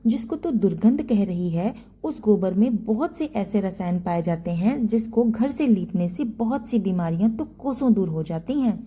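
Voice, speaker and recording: A woman's voice: mid-range voice, animated, normal speed, few pauses, warm tone, husky. Devout old mother, as a woman voices her. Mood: gently explaining. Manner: pleading, imploring.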